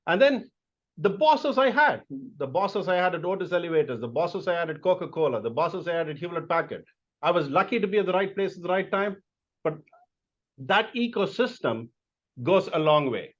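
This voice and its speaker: A man's voice: sits high, very animated, normal speed, highs cut off. A middle-aged man from India, a corporate executive answering interview questions in an emphatic, motivational way.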